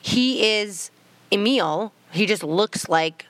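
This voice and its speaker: A woman's voice: mid-range voice, takes it slowly, a bit bright, dry recording. A woman co-hosting a podcast, retelling scenes in casual chat, swearing freely and acting out the characters' lines. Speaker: podcast co-host.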